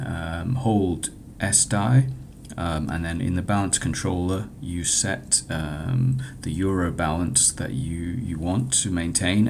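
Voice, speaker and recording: Presenting his own hackathon project, a male developer gives a loose, informal software walkthrough. His delivery halts and stumbles frequently. A low rumble sits in the background of an otherwise clear recording.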